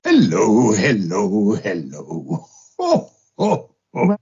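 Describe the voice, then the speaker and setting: A jolly old Santa with a husky, gravelly voice that swoops wildly up and down. He talks slowly and booms out hearty ho-ho-hos. The sound is muffled and lo-fi, as if it comes from a small smart speaker. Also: wildly swooping pitch, warm tone, heavily acted. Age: older. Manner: hearty, slow, sing-song delivery with big ho-ho-hos. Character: jolly old Santa Claus, booming laugh.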